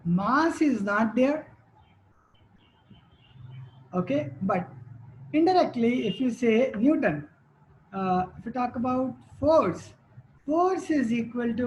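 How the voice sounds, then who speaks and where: A woman's voice: a little high, darkish tone, lo-fi sound, a little hiss or hum. A woman teacher giving a classroom lecture, quizzing students and repeating their answers.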